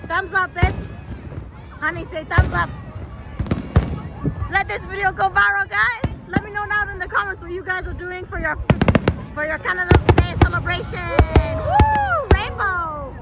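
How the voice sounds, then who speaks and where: A woman's voice: fairly even intonation, normal speed, pauses often. A woman vlogging outdoors at a riverside fireworks show on a handheld phone, exuberant and whooping often. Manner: exuberant, frequent high whoops and laughs. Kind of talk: excited casual vlog narration. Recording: loud fireworks bangs behind. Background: fireworks and city noise.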